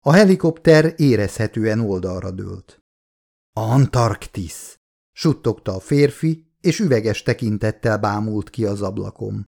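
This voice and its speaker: Man narrating a novel, steady and measured. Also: fairly low pitch, gravelly. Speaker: audiobook narrator.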